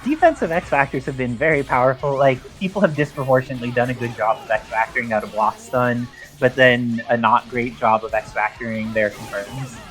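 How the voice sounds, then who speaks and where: A male esports commentator handles the play-by-play for a fighting game tournament. He talks in a steady, mid-pitched voice and explains each move and its history in detail. Faint music plays behind him. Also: a little fast, hardly any pauses, rough recording. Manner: analytical, explains game mechanics at length.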